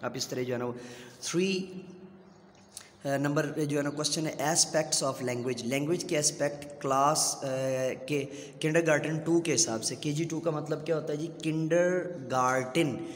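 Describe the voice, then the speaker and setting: A middle-aged male teacher slowly explains a kindergarten English textbook, switching between two languages, using many fillers and spelling words out letter by letter. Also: fairly high pitch, fairly even intonation. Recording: echoey room with long reverb.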